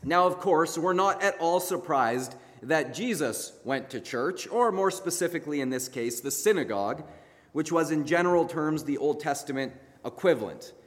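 A male pastor retelling a story in his sermon in a dramatic way, pausing for emphasis, in a large church sanctuary. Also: a little high, animated, long reverb tail.

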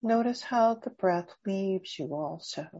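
A woman guiding a slow breathing meditation, speaking softly and soothingly with long pauses. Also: medium pitch, lively intonation, dull audio. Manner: slow, soft, soothing and unhurried. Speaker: meditation guide.

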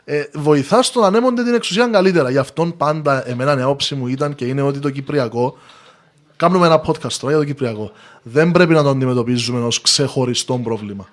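A man with a Cypriot Greek accent, explaining his opinions as a guest in a podcast discussion. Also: medium pitch.

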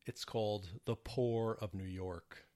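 A man reading his prepared theater reviews in a measured scripted narration. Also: fairly low pitch, steady tone, dark tone.

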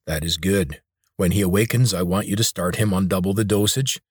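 Cold commanding master, low and clipped, read by a male narrator. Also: brisk, husky, dry recording, studio quality.

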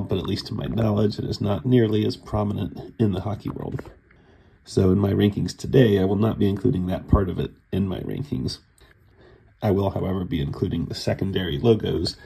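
A podcast host from Cincinnati, USA, chats casually on his solo show, sounding groggy from a cold. His voice sits low, with vocal fry, a warm tone, and a breathy edge.

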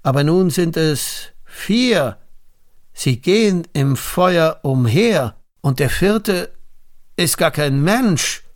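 A man voicing an angry, proud ancient king in a storybook reading, with booming outbursts. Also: animated, takes it slowly, a little mellow, no room sound, studio quality. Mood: astonished.

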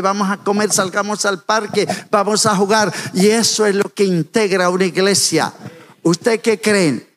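A man giving a jokey, chatty sermon in a church, talking straight to the congregation. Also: sits high. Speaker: church speaker. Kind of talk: humorous sermon. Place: church sanctuary.

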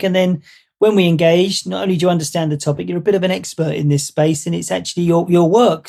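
A man's voice: high-pitched, creaky, darkish tone. A man hosting a podcast interview, talking in a meandering way with frequent restarts. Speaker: podcast host.

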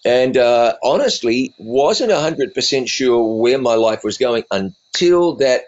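With highs cut off from the audio, a middle-aged evangelist and TV presenter spins stories in an interview, slowly and at medium pitch. His manner is animated, jokey and self-mocking. Decades in the US have softened his New Zealand accent.

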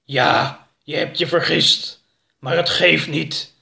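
A man voicing a huge growling house that has turned into a tiger, speaking slowly and proudly. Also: a little high, fairly even intonation, vocal fry, pushed and bright, echoey room, full character voice. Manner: slow, growling.

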